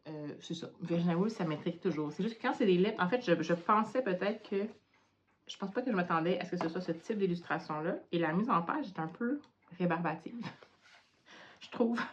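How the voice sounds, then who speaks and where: A woman's voice: fairly low pitch, lo-fi sound, a little hiss or hum. A tired woman with a Quebec French accent chatting hesitantly at home in a casual book vlog, with many fillers. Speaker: book vlogger.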